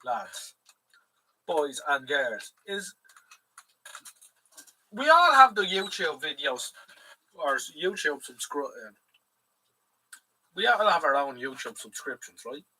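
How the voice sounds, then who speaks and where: Fairly high and very animated, this Irish livestream host takes it slowly, leaving long pauses, his voice pushed and bright with a breathy edge. He rambles through casual chat and swears freely, positioned a bit far from the mic.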